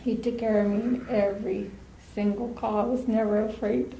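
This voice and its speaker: A woman who was once the deceased's ambulance partner tells laughing, chatty anecdotes in a eulogy, sprinkling Spanish phrases into her English. Her mid-range voice is gravelly and mellow, with little pitch movement and normal speed. The funeral home chapel sounds echoey, with faint ambience and slight background noise.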